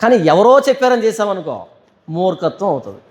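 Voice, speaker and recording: A male pastor teaching a Bible study, reading verses slowly and posing questions he answers himself. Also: high-pitched, sing-song. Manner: asks and answers his own questions, reads verses slowly. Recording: echoey hall.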